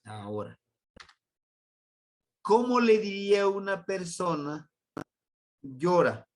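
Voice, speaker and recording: Slow, patient man teaching a language. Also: high voice, big pitch swings. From Mexico. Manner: slow, patient, repeats words for students. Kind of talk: online grammar lesson.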